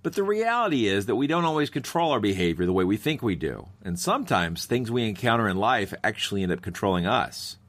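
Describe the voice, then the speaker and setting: A man hosting a science show, speaking in a bright, curious manner. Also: on the low side, big pitch swings, a little fast, hardly any pauses. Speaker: podcast host. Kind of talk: scripted narration and interview for a science show.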